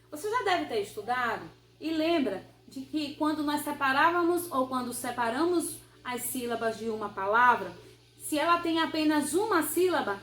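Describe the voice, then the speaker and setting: A woman with a high, slightly bright voice, a Portuguese teacher, patiently walks through a grammar revision lesson and keeps checking that the listener is following. The room gives the recording a noticeable echo.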